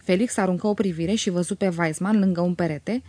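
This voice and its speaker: A woman reading a classic novel aloud as an audiobook narrator, measured and expressive. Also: on the low side, no room sound.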